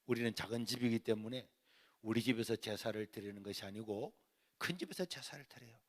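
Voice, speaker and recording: A man preaching a revival sermon in a Gyeongsang dialect, telling a lively personal story and acting out family quarrels. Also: lowish voice, brisk. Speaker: pastor. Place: church sanctuary.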